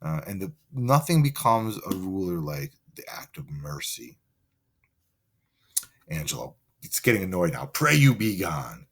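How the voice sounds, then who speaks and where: A man's voice: sits low, a little slow, creaky, breathy edge. A male teacher talks students through a play in a loose, conversational way. His voice rises and falls with energy, and he keeps checking in with them. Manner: casual, animated, full of fillers and 'right?'.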